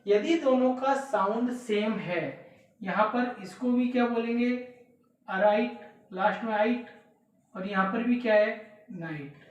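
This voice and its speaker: A woman's voice: fairly high pitch, a little slow, highs cut off. A woman teaching an exam prep lesson, explaining step by step, repeating key words and asking rhetorical questions. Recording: echoey room, voice far from the mic.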